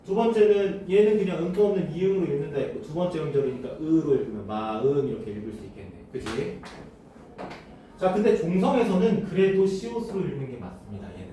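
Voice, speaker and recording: A man's voice: on the high side, lively intonation, quick pace, dark tone, a little hiss or hum. A man teaching a classroom lesson, often asking the students questions and then answering them himself. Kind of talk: classroom lecture. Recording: echoey room, voice from far off.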